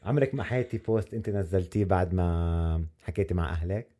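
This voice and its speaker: A woman hosting an interview, asking brief, gentle follow-up questions. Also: a bass voice, quick pace. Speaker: interview host. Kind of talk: conversational interview.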